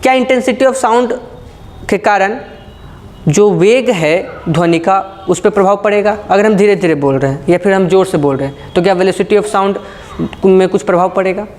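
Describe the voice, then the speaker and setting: A man's voice: sits high, normal speed, darkish tone. A man giving a physics lecture, posing questions and answering them himself with folksy examples and frequent checks for understanding. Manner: folksy, uses everyday examples. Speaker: physics teacher. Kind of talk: classroom lecture.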